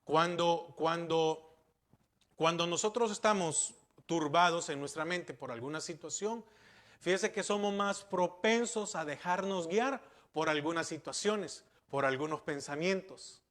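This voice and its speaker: A man's voice: fairly high pitch, a little slow, fairly bright tone. A man pastor preaching a sermon, asking rhetorical questions and repeating key words for emphasis.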